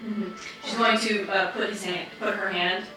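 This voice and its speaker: A woman's voice: medium pitch, steady tone, moderate pace. Woman player narrating her character, echoey. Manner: describes her character's actions in third person. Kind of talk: casual tabletop game talk. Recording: echoey room, far from mic, music behind.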